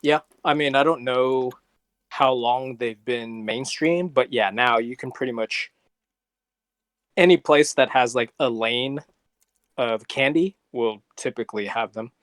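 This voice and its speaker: A man co-hosting a casual podcast chat, with a dry, deadpan manner and rambling explanations. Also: medium pitch, unhurried, no room sound. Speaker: podcast co-host.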